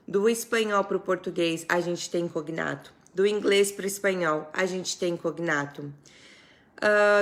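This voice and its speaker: Chatty Brazilian woman teaching English. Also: medium pitch. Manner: chatty, laughs often, greets viewers by name. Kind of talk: live-streamed lesson. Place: home, live stream.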